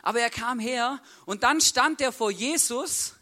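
A preacher with a very high, sharp-toned voice takes his time retelling a story in his sermon. Colloquial and casual, he acts out the characters' dialogue and repeatedly finishes sentences with a quizzical "right?"

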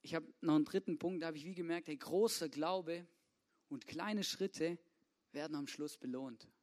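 Here the young preacher from Swabia, Germany, talks a little fast in a slightly high voice with a darkish tone. His youth sermon is casual and slangy, and he repeatedly seeks agreement with an informal "oder?"

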